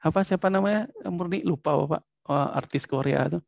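A man teaching a psychology class to students, lively, acting out short examples as he explains. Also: on the high side, fairly quick, gravelly, dry recording. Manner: animated, acts out short examples. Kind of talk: classroom lecture.

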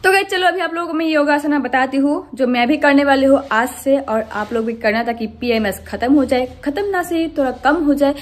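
A woman's voice: sits high, brisk, hardly any pauses. A woman in her twenties chatting casually to her viewers in a home vlog. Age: 20s. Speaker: vlogger. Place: bedroom at home. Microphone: phone or camera within arm's reach.

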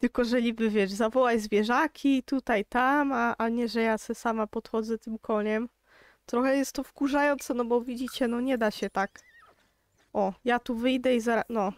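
A woman's voice: a little high, steady tone, normal speed, no echo. A young woman with a Polish accent giving casual gameplay commentary, chatty and exasperated, talking straight to her viewers. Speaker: gaming YouTuber.

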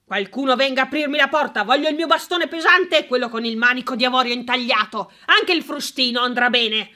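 A woman voicing an irate elderly English country gentleman who shouts and blusters in outrage, in an audiobook. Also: high-pitched, brisk. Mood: furious. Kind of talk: audiobook character voice.

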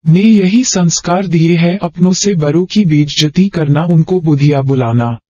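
A man voicing an indignant middle-aged woman who complains in loud exclamations, on a dull lo-fi recording. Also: fairly high pitch, moderate pace, close to an everyday voice. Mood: outraged.

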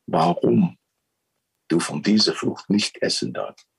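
A man voicing a sly, tempting male serpent who speaks in a smooth, insinuating way. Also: deep voice, big pitch swings, slow pace, voice pushed down, full character voice.

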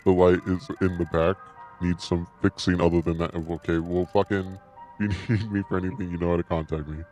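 A man speaking through a voice changer that morphs his voice deep, voicing a gruff male detective and manager in a game with friends, with improvised, halting lines. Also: flat delivery, dark tone, faint music behind. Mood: offhand. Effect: deep voice changer altering his voice.

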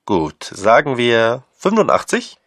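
A man's voice: mid-range voice, huge pitch swings, fairly bright tone, dry recording, exaggerated voice. An actor playing a polite man who phones about an ad, in a scripted textbook dialogue recorded in a studio. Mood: polite bargaining. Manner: clear, slow learner-friendly speech. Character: polite man phoning to buy a pram. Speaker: caller answering an ad.

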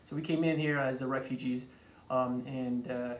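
Speaking with a steady, mid-range voice, this late-20s chiropractor from Iraq halts and repeats himself as he shares a personal story during an informal interview. He's being introduced in a small indoor office, recorded by a phone camera several feet off, so the sound is echoey, distant, and faintly noisy.

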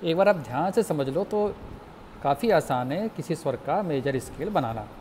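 A man teaching music theory in a slow, patient lecture, explaining step by step and asking the class questions. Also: fairly high pitch, expressive, a little mellow, slight background noise.

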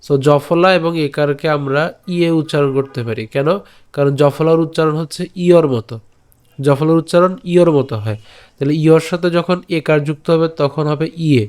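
Man slowly spelling out a chant. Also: a little high, darkish tone, clean tone. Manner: spells out syllables slowly and repeats each one. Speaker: scripture teacher. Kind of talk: slow recitation lesson.

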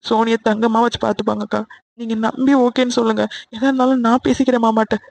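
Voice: medium pitch, flat delivery, quick pace, creaky, natural voice. Voice actor doing a coaxing young cartoon aunt. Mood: pleading. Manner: coaxing and pleading. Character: persuasive younger aunt of the family, bold talker. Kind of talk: Tamil cartoon voice acting.

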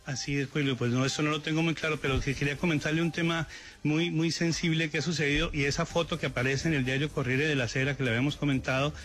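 A man's voice: fairly high pitch, level tone, fast, a bit bright, faint music behind. A man giving a live radio news report as a correspondent.

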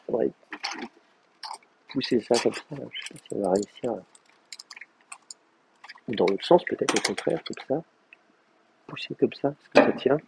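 A man's voice: medium pitch, lively intonation, moderate pace, vocal fry, long pauses, noisy background. A man giving a live university classroom lecture, explaining with hesitant, stop-start delivery and frequent restarts. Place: classroom with in-person and remote students.

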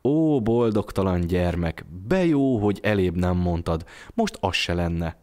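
A man's voice: deep voice, expressive, a little mellow. A man voicing a poor, frail young mother who keeps joking through hard times, told in an audio storybook. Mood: lamenting. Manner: playful, jokes through poverty.

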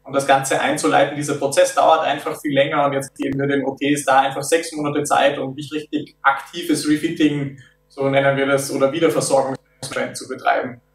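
A man's voice: medium pitch, little pitch movement. Man on a distant, roomy video call. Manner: measured, with frequent filler sounds. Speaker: product developer. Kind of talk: explaining in an interview. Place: office meeting room.

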